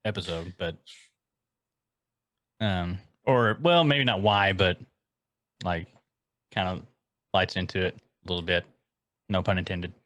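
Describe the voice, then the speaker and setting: A man's voice: low-pitched, slow pace, pauses often, a bit bright, no room sound. A man co-hosting a podcast in casual chat, joking and chuckling a lot. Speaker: podcast co-host.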